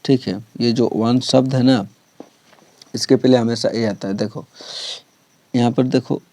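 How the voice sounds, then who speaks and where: A man's voice: medium pitch, steady tone, unhurried, mellow. A man teaching English grammar, explaining step by step, repeating points and often checking whether students have understood. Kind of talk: classroom explanation.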